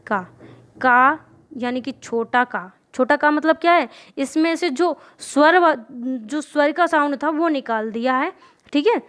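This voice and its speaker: High-voiced woman teaching a grammar lesson. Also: unhurried, a bit bright. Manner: repetitive questioning teacher, checks understanding often. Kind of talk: explaining a Hindi grammar lesson.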